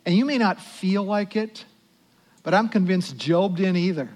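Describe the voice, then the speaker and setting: A male pastor delivers a sermon in a high-pitched voice. He speaks slowly and deliberately. His delivery swings from loud emphasis to quiet, prayerful asides.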